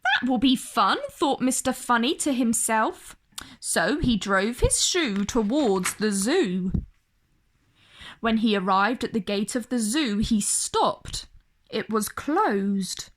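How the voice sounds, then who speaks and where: Telling a children's story from a picture book, a woman uses a fairly high, animated voice whose pitch rises and falls a great deal. She reads slowly and expressively, speaking straight to young listeners with dramatic stress and drawn-out words.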